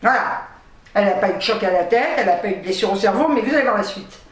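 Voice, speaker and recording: A woman's voice: mid-range voice, lively intonation, fast, echoey room. An older woman, a grandmother, chatting casually to camera as a vlogger, laughing often and speaking bluntly with the odd swear word. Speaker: shopping-haul vlogger. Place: home office.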